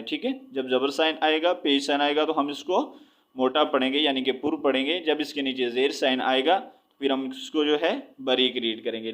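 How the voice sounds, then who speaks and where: A man teaching Quran reading, spelling out letters and drawing words out slowly between explanations. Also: mid-range voice, a bit bright. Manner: drawn-out recitation of words, explaining with repeated checks. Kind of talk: slow spelled-out recitation lesson.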